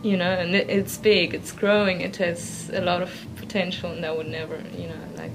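A woman's voice: fairly low pitch, animated, moderate pace. A woman from Switzerland, an interview guest, talking in a reflective, hesitant way and laughing often. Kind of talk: casual interview chat. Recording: noisy background.

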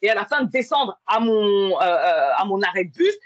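Woman, husky, mid pitch, casual anecdote with fillers, dull dry recording. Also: expressive, moderate pace, no echo. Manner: storytelling with many fillers. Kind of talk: casual conversation. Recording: muffled lo-fi sound.

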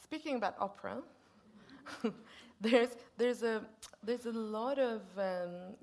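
Woman interviewer, lots of fry in her voice, hesitant and careful with her questions. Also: on the high side, slow pace, a little mellow. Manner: careful, hesitant phrasing with many fillers. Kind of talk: conversational interview.

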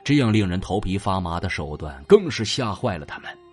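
A man narrating an audio drama with dramatic, expressive storytelling, with faint music behind him. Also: low voice, brisk, slightly rough.

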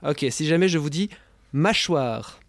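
A man's voice: on the high side, lively intonation, a little slow, no echo, studio quality. Hesitant man hosting a film roundtable. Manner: hesitant, with many fillers and repeated words. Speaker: host of a film roundtable show. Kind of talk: casual hosting of an online film discussion. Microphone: video call.

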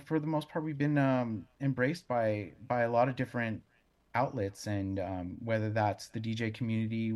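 A man being interviewed as a brewer, explaining casually in a halting way as he searches for words. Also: fairly low pitch, a little mellow.

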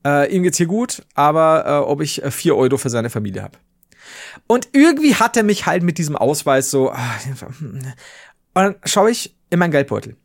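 Podcast host, male, slightly high-pitched, rambling animated storyteller who acts out every quote. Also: normal speed, creaky. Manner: swears casually, rambling restarts. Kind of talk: casual storytelling chat.

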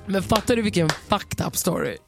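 A woman's voice: mid-range voice, vocal fry, over music. A woman telling a funny story in casual chat, voicing the people in it and dropping English slang. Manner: animated storyteller who acts out quoted lines and mixes in English slang.

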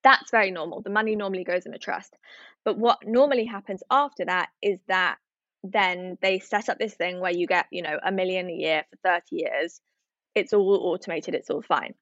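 A woman's voice: on the low side, moderate pace, no room sound. A woman telling a story in casual chat, acting out what people said. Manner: animated storytelling, acting out quotes. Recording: dull, dry, slightly lo-fi sound.

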